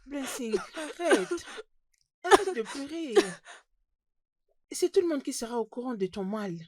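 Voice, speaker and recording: Pleading friend, film dub: high voice, urgent, dry sound. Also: female voice, big pitch swings, unhurried, dry recording, full character voice.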